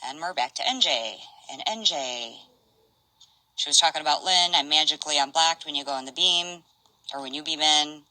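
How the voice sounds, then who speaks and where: An older woman casually chatting on a stream, reading out messages in a halting, rambling way. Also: low voice, pushed and bright, no room sound, low-quality recording. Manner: rambling, halting, restarts and asides.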